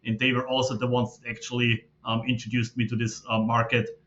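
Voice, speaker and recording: A man, a podcast guest who explains his background in a steady, filler-laden way. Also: mid-range voice, fairly quick, a little hiss or hum. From Austria. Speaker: guest, fund manager. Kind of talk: casual interview talk. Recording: slightly dull lo-fi audio.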